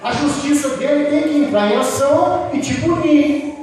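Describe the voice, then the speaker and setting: A man's voice: extremely high pitch, moderate pace, a little mellow. A man preaching an impassioned sermon, asking rhetorical questions to the congregation. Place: church hall. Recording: echoey hall, distant mic, faint noise.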